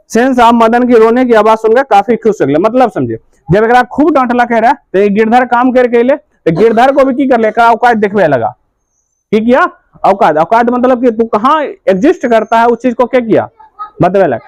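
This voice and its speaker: A male teacher with a Bihari accent explains a story in class, repeatedly posing quiz questions and answering them himself while drilling the key points. His voice is very high-pitched and a little mellow, with no echo.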